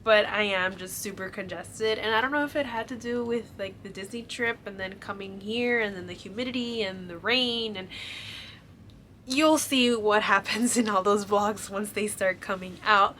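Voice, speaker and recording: A young woman vlogger shows off a shopping haul, chatting casually to camera with plenty of ums and likes. Her medium-pitched, fairly bright voice is stuffy and congested from a cold, and she talks at a moderate pace. A little hiss or hum can be heard.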